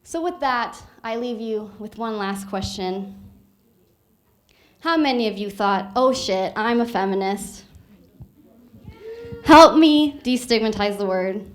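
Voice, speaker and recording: A woman's voice: mid-range voice, expressive, takes it slowly, pauses often. Earnest woman giving a persuasive stage talk. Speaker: speaker.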